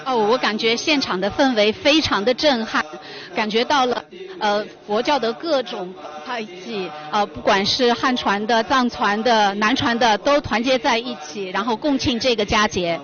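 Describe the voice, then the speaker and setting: A woman's voice: a little high, normal speed, music in the background. A woman guest at a temple ceremony answering interview questions fluently and earnestly. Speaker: interviewee, Buddhist event guest. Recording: slightly dull lo-fi audio with a crowd behind. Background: crowd.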